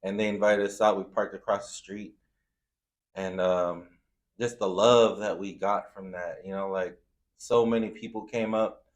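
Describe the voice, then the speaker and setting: A fairly low, steady male voice speaking at a measured pace. He's a food truck owner from Zambia who moved to the US, sharing personal anecdotes as a guest in a casual interview, talking in a slangy, informal way and saying "you know" a lot.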